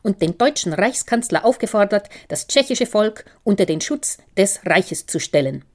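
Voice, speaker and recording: A woman's voice: medium pitch, lively intonation, moderate pace, a little mellow, voice pushed up, natural voice. A woman voicing a formal news announcer from an old radio broadcast.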